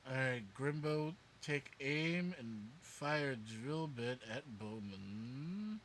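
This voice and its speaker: A man's voice: medium pitch, expressive, drawn-out words, a bit bright. A man chatting casually as a player in a tabletop game, with some noise behind him.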